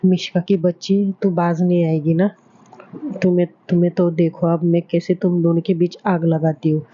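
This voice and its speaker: A woman voicing a jealous, scheming teenage schoolgirl in a quick, pushy, everyday way, on a dull lo-fi recording. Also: on the low side, little pitch movement, natural voice.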